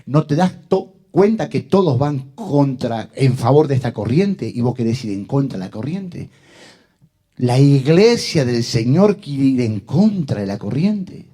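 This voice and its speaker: A man voicing a sinister male devil who taunts believers in slow, low, menacing phrases. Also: big pitch swings, dark tone. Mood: mocking.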